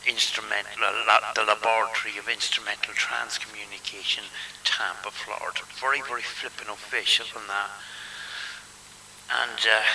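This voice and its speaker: A man's voice: on the low side, bright, forceful tone, far from the mic, a little hiss or hum, low-quality recording. A man telling a rambling, self-amused story in casual chat, chuckling and swearing as he goes. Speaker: channel host.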